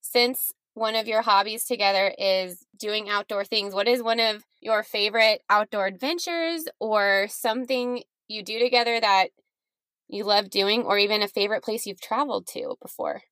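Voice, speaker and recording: A woman's voice: mid-range voice, normal speed, a bit bright, no room sound. A woman hosting a podcast, chatting casually with guests and laughing easily. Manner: friendly, laughing, chatty with restarts. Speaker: podcast host. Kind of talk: casual interview chat.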